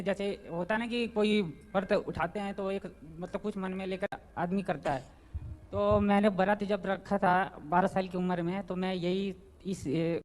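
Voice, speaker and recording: A man in his thirties asking a spiritual teacher a personal question, halting and deferential. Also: high-pitched, a little mellow. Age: 30s. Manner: deferential, halting, keeps saying guruji.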